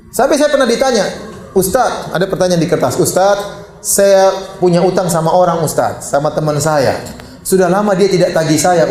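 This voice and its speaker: A middle-aged Indonesian man preaching to a congregation, lively and joking, his pitch jumping high to stress a point. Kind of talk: sermon. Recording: echoey hall.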